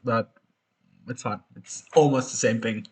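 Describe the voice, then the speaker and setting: A man's voice: mid-range voice, fairly even intonation, measured pace. A young man streaming a game, chatting casually and explaining the mechanics with easy laughs. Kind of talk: casual gameplay commentary. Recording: music playing behind.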